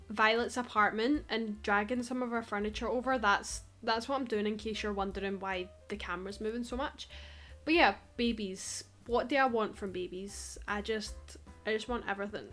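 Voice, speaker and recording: Chatty Scottish woman, slightly high voice. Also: a bit bright. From Scotland. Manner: chatty, rambling, laughs often. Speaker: Sims YouTuber. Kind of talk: casual gameplay commentary.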